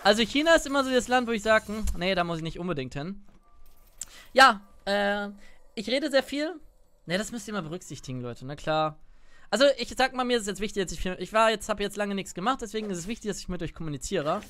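Quick-paced, with lively intonation and a high, fairly bright voice, this Italian-born streamer in his twenties chats casually as he comments on his gameplay. His rambling talk is captured close up on a desk mic in an indoor gaming room while he wears a headset.

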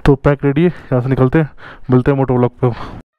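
A man's voice: mid-range voice, fast, smooth, lo-fi sound. A man hosting his own motorcycle travel vlog, talking casually and asking his riding companion questions. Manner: relaxed, chatty, asks his companion questions. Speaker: travel vlogger host. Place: motorcycle road trip in the mountains.

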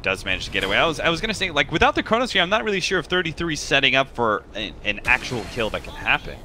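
A man giving play-by-play commentary on a competitive video game match, speeding up into rapid excited calls during fights. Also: medium pitch, noisy background. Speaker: esports caster.

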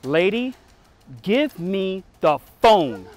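Middle-aged male police captain, authoritative, measured, slightly high-pitched voice, screen drama. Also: sing-song, darkish tone, exaggerated voice. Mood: stern. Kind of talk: acted drama dialogue. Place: outdoor parking lot.

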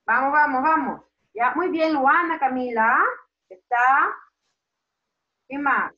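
A woman's voice: high-pitched, takes it slowly. A woman preschool teacher leading an online class for small children, cheerful and coaxing, praising them by name and telling a story. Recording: roomy, distant, dull sound.

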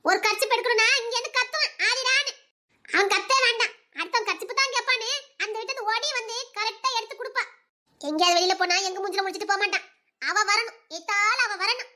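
This is a scornful, gossiping mother who is always scheming for her son's sake, as a woman acts her out. She chuckles through her words in a very high, bright voice. It is an audio drama performance. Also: fast talker, heavily acted. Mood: mocking gossip. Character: scheming middle-aged mother plotting for her son.

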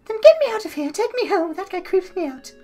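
A woman's voice: very high voice, lively intonation, fast talker, dark tone, faint music behind. A woman voicing a playful young flower-selling woman in a game playthrough. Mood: teasing. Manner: playful, teasing.

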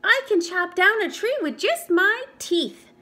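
A woman's voice: high voice, expressive, drawn-out words, pushed and bright, full character voice. A woman voicing a proud, daring female beaver in a storybook, with a crowing delivery.

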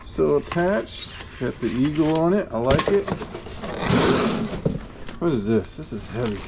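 Man, folksy and slow, thinking aloud, chest-mounted camera, noisy open-air sound. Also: fairly high pitch, big pitch swings. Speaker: vlogger sorting a storage unit. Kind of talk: casual chest-cam vlog narration. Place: metal storage unit and gravel lot outdoors. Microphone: chest-mounted action camera. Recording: noisy outdoor action-camera audio.

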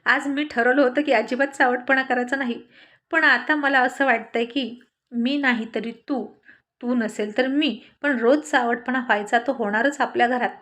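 A mischievous grown husband full of cheeky jokes, read by a woman narrator, his voice pitched a little high. He speaks in quick banter, as if leaning in with a grin, in a spoken storybook. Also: steady tone, fairly bright tone. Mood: teasing. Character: playful teasing husband, grown man.

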